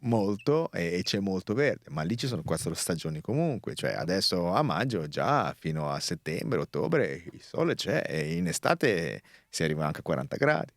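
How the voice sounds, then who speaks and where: A man's voice: sits low, big pitch swings, normal speed, creaky, few pauses, no room sound, clean studio sound. A man from northern Italy whose Italian has an Italian-American lilt, speaking hesitantly as a guest in a casual interview and dropping in English words. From Varese, northern Italy.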